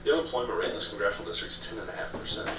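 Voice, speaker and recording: A man's voice: medium pitch, rapid-fire. A man answering interview questions as a political candidate, emphatic and repeating phrases as he lays out talking points. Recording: echoey room, distant mic, noisy background.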